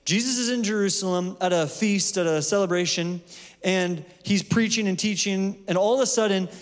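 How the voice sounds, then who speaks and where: A man preaching a sermon in a church in a loose, conversational way, with fillers and restarts. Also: high voice. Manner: conversational, with fillers and self-corrections. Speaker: pastor. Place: church sanctuary. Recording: long hall reverb.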